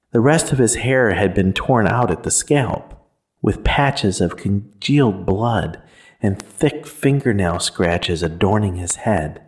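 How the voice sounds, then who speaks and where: A man narrating a first-person horror story in a measured, somber way. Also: mid-range voice, a little mellow.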